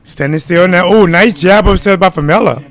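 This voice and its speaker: Higher-voiced man giving casual fight commentary. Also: moderate pace. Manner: informal, addressing viewers as guys. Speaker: fight watch-along commentator. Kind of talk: casual live play-by-play commentary.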